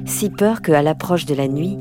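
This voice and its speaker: A woman narrating an audiobook in a slow, measured storytelling manner. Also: low-pitched. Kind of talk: audiobook reading. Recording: music playing behind.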